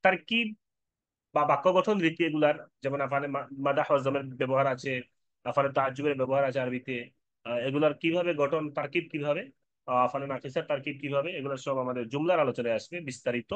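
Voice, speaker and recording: A man's voice: medium pitch, quick pace, no echo, dull audio. A man teaching an Arabic grammar lesson from a sheet, repeating terms and reciting lists of word forms.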